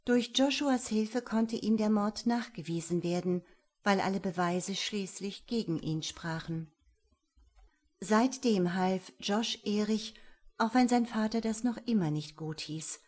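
A woman narrating an audiobook in a steady storytelling voice. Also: medium pitch, unhurried. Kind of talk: scripted narration.

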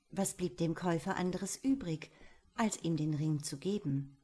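A woman reading a fairy tale aloud in a calm storytelling manner. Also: fairly low pitch.

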